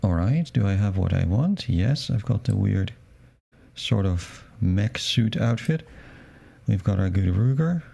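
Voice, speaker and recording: Gravelly low-voiced man streaming a game. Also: unhurried. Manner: relaxed, musing, wry. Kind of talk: casual let's-play commentary and narration.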